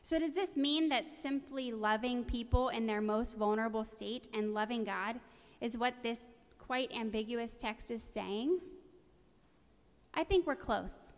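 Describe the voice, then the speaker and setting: A woman's voice: on the high side, unhurried. A woman preaching a sermon in an earnest, conversational way, with a touch of self-deprecating humor. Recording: long reverb of a large hall.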